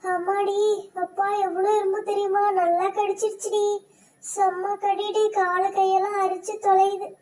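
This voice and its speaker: Brief: complaining doll girl, voiced by a woman, shrill and very high, toy story. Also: level tone, normal speed, a little mellow. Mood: whining. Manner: complaining, whining. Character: whiny young female doll bitten by ants.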